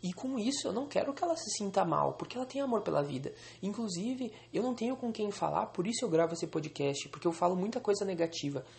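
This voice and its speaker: A man's voice: high-pitched, animated, quick pace, creaky, few pauses, a little mellow. A young man venting angrily and swearing on a solo podcast recorded alone at home.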